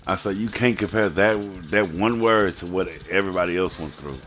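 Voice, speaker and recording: A man's voice: low-pitched, moderate pace, a bit bright, a little hiss or hum. A man ranting heatedly on a live stream, swearing often and repeating his points. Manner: heated, profane, repetitive ranting.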